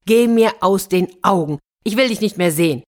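A woman's voice: mid-range voice, normal speed, darkish tone, natural voice. A woman doing a weary, scolding old father. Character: stern, exasperated old village father.

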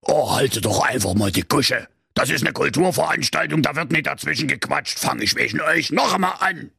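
A man's voice: on the high side, expressive, normal speed, creaky, bright, forceful tone, slightly rough, dry recording, studio quality, pitched above the performer's own voice, full character voice. A man voicing a touchy, theatrical singer in a bedtime story, haughty and crooning. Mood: indignant.

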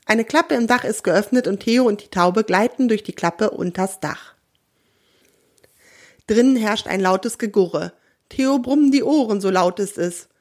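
A woman reading a children's story aloud in a gentle, lively storytelling manner. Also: medium pitch, unhurried.

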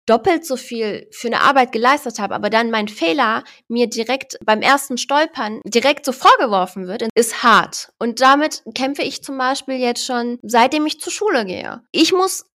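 A woman from Berlin speaks in a relaxed conversation. Her voice sits a little on the high side, and she reflects as she goes, often pausing to search for the right words. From Berlin, Germany. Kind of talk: casual chat.

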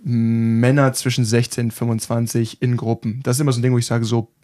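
Fast-talking man explaining things on a podcast. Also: mid-range voice, flat delivery, dark tone. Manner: explaining, quick, with many tag questions. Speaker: podcast co-host and self-defence trainer. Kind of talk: casual podcast chat.

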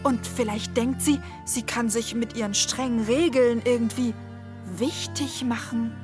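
A woman voicing a kind young friend who talks in a gentle, thoughtful way. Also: a little high, measured pace, music in the background, lightly acted. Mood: pondering.

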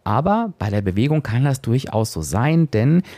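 Man, podcast coach, solo monologue, talks to the listener, animated pitch, dry close sound. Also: moderate pace, no room sound. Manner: talks straight to the listener, tag questions.

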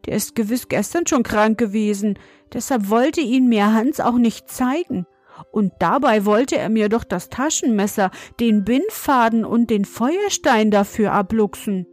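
A woman voicing a cheeky, sulky young schoolboy in a storybook reading, raising her voice high and defiant. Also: animated, unhurried, a little mellow, soft background music. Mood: angry.

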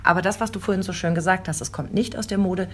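A woman in her thirties chatting casually as a mother, telling lively stories and acting out quotes. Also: fairly low pitch, fast talker, a little hiss or hum. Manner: lively storytelling, acts out quotes. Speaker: podcast co-host, mother. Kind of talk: casual chat.

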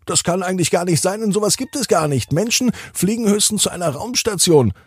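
A man's voice: high-pitched, animated, brisk, slightly rough, dry recording, studio quality, pitched above the performer's own voice. A man voicing a young girl in a bedtime story, exclaiming in disbelief. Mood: disbelieving. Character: young girl, wondering, doubtful.

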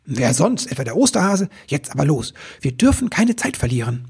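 An eager little male Christmas elf from a storybook, bursting with urgency, as a man puts him on. The voice is very husky and breathy and leaps up high when he gets excited. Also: normal speed, heavily acted. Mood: urgent. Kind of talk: children's story reading.

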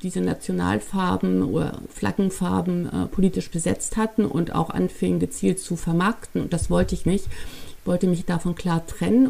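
Husky-edged Hamburg woman, thoughtful and measured. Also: lowish voice, warm tone. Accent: Hamburg German. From Germany. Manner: thoughtful, frequent filler pauses. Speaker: guest, travel journalist and author. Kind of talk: conversational interview answers.

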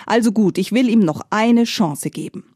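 A woman's voice: mid-range voice, normal speed, darkish tone, no room sound, clean studio sound, voice pushed up, lightly acted. A woman doing a stern fairy-tale king. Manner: commanding, indignant. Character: stern, quick-tempered old king.

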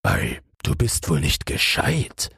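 A man voicing a gruff, blunt blacksmith in a storybook reading. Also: slow pace, sharp tone, no echo, studio quality.

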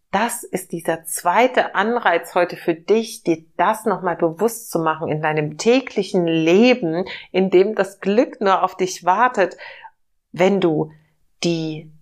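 Her pitch sits fairly low as this woman, a podcast host, offers reflective self-help thoughts. A cold has left her slightly hoarse, and she speaks gently and searchingly, using lots of fillers.

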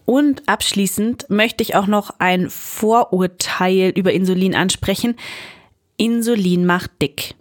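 Fragende Co-Moderatorin, mittlere Stimme. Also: female voice, medium pitch, unhurried. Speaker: co-presenter. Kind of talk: scripted health explainer.

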